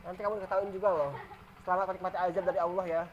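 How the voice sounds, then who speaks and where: A man's voice: high-pitched, level tone, rapid-fire, muffled recording. A man chatting casually on a live stream, lecturing his viewers in a preachy, scolding way. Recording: noisy background.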